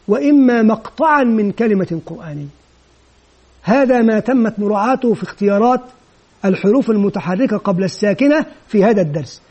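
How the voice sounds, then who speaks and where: A man's voice: very high voice, darkish tone. A man giving an instructional lecture for teachers, explaining step by step and asking and answering his own questions. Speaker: teacher trainer.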